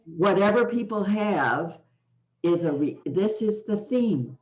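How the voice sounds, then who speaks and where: A woman's voice: mid-range voice, lively intonation, a little mellow. A woman host from the United States in an interview conversation, speaking passionately and with strong emphasis. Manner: emphatic and passionate, slow and deliberate. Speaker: podcast host. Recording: dull lo-fi sound.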